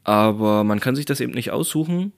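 A hoarse man with a cold co-hosting a podcast in casual chat, making dry teasing remarks. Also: medium pitch, animated, a little fast. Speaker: podcast co-host.

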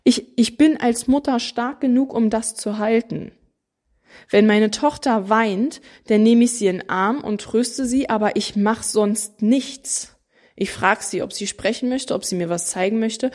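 A mother of three in her thirties talking straight to viewers, animated and emphatic, acting out what others say. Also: on the high side, unhurried. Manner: animated, emphatic, acts out quotes. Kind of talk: casual talking to camera.

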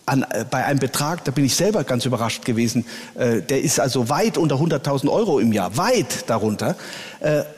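Earnest church leader in a reverberant room. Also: male voice, a little high, darkish tone. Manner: earnest, with frequent hesitations. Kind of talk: interview answers. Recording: long reverb.

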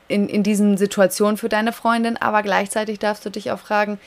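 A woman coach with a medium-pitched voice speaks directly to her listener on a solo advice podcast. She is emphatic and keeps checking in with tag questions.

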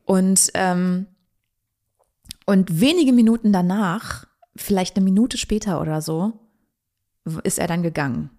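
A woman in her thirties, a podcast guest, telling a personal story in a halting, reflective way, often restarting her sentences. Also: lowish voice, mellow. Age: 30s.

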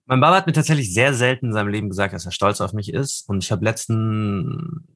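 A man speaks as a guest in a relaxed interview, his voice sitting a little low. He reflects aloud in long, rushing runs of thought. The sound is dry and close, with no room around it. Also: dry recording. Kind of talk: casual conversational interview.

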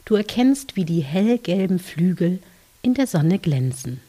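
Female narrator for children's guided relaxation: mellow, low-leaning, soft dreamy hush, soothing and unhurried. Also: big pitch swings. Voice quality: soft, breathy, hushed, at times near whisper. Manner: gentle, soothing, unhurried with long pauses.

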